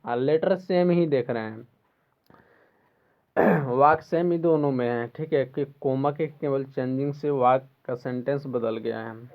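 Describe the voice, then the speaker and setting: A man teaches a school lesson at an unhurried, deliberate pace, repeating each phrase so his students can follow. He clears his throat now and then as he talks. The sound is thin and tinny, like a phone line. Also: fairly high pitch. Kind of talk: explaining a school textbook lesson.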